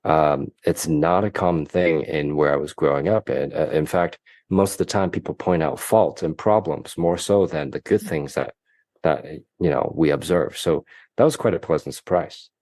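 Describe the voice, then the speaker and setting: A man from Hong Kong, a guest coach, answering interview questions in a measured, explanatory way with occasional restarts. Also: a bass voice, darkish tone, no room sound. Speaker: guest, mind-performance coach.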